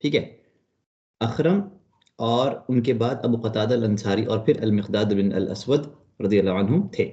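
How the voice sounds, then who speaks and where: A man reading a history book aloud to a study group, steady narration with brief asides to check in. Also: fairly low pitch, moderate pace, lo-fi sound. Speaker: study circle reader.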